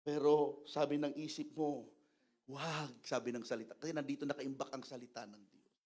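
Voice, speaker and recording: A man preaching a sermon as pastor, animated, mixing Tagalog and English and acting out the voices he quotes. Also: medium pitch, fairly quick. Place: church.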